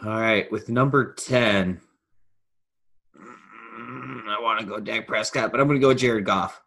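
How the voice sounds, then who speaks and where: A man's voice: lowish voice, measured pace, gravelly, bright, forceful tone. A man co-hosting a casual sports podcast, thinking aloud and weighing his options. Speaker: podcast co-host.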